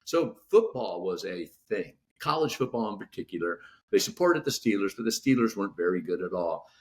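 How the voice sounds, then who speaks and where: A Californian man, an author appearing as a podcast guest, talks casually in a lowish voice with big pitch swings. His speech is halting, full of "you know" fillers and restarts.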